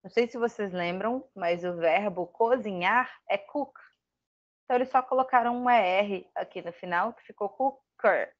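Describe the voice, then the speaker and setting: A woman with a Brazilian Portuguese accent teaches English in a relaxed, chatty way. She thinks aloud and makes self-deprecating asides. Her voice sits at a medium pitch on a slightly dull, lo-fi recording. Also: moderate pace. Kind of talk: casual online lesson.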